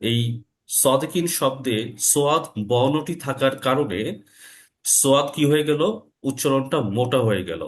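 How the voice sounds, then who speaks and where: A man teaching Arabic letter pronunciation in an online lesson, slow and deliberate, repeating each sound for his learners. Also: medium pitch, a little hiss or hum. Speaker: Quran recitation teacher.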